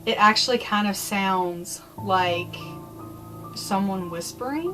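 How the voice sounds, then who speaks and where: A woman's voice: mid-range voice, slow pace, bright, forceful tone. A woman talking casually to viewers as a vlogger, telling spooky personal stories in a chatty, conversational way. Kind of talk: casual storytelling about eerie happenings. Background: music.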